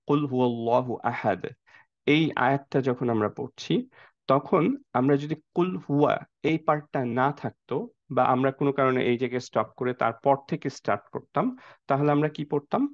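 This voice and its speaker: A man's voice: mid-range voice, dry recording, lo-fi sound. A man teaching a class on Quran reading, explaining patiently, putting questions to his students and mixing English words into his talk. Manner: mixes English words into speech. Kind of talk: classroom lecture.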